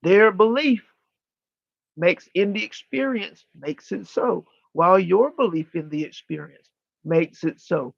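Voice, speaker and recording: A man channeling spiritual teachings like a seance medium, speaking as a guide in deliberate, formal, emphatic phrases with pauses and repetition, on a muffled recording. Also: sits high, vocal fry, no echo. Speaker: channeler leading a live spiritual session.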